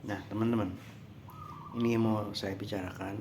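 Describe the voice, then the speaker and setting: A man giving a moral lesson through a story, speaking slowly and deliberately and addressing his listeners as friends. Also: fairly low pitch, steady tone, vocal fry, darkish tone, a little hiss or hum. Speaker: motivational speaker.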